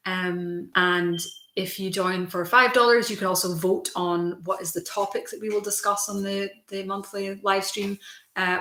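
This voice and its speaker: A woman's voice: lowish voice, a bit bright. A young woman chatting casually with her viewers on a livestream, rambling with lots of fillers. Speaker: livestream host. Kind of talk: casual chat. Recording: roomy echo.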